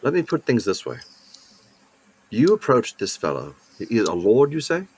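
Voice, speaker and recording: A man's voice: medium pitch, huge pitch swings, moderate pace, a little mellow, slightly rough. A man playing a tabletop role-playing game, moving between narration and theatrical in-character speech.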